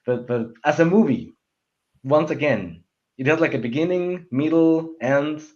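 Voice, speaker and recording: Slightly high and a little mellow, this panelist's expressive voice keeps a measured pace as he chats casually about opinions on a film discussion show. His sentences often restart amid rambling and stammering, and the lo-fi audio is dull and muffled.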